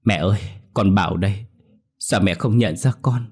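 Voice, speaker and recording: A man's voice: lowish voice, moderate pace, darkish tone, slightly rough. A man voicing a young woman possessed by a dead man's spirit, wailing and pleading.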